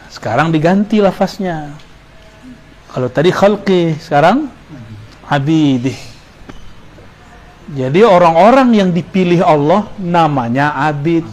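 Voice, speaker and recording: A man with an Indonesian accent teaching a religious study session, his voice sitting a little higher than most men's. He moves between casual talk, quick asides and recited Arabic verses. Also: a little mellow. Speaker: preacher.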